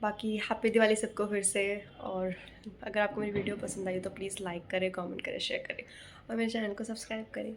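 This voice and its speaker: A woman with a hoarse throat chatting candidly in a casual vlog, worn out and self-critical, filmed on a handheld phone at home and on a rooftop at night. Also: medium pitch, flat delivery, brisk, poor audio. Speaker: vlogger. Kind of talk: casual festive vlog chat. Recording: loud firecracker bangs and street noise. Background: firecrackers bursting.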